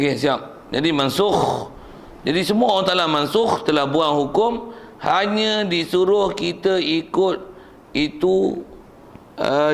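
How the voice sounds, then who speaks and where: A man's voice: medium pitch, slight background noise. A man with a Malaysian Malay accent teaching a religious class, conversational and joking, asking and answering his own questions. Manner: jokes with the class.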